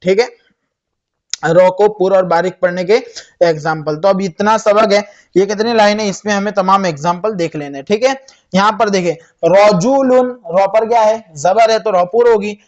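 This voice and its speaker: A man's voice: sits high, dull audio. A young man teaching Quran reading, spelling out letters and vowel marks one at a time, asking questions and answering them himself. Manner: spells letters slowly, then reads the word drawn out; asks questions and answers them himself, says "theek hai" often. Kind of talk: spelling-out tajweed lesson.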